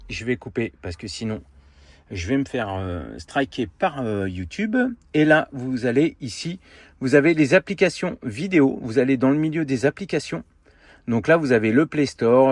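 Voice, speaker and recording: A man giving a relaxed, casual product demo and review from inside a car, pausing often to find his words. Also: mid-range voice, dry recording. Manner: relaxed, hesitant with frequent filler pauses.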